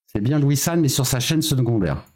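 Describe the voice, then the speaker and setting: A man's voice: medium pitch, animated, moderate pace, a little mellow. A man streaming live, chatting casually while setting up a reaction video and thinking aloud with little filler sounds.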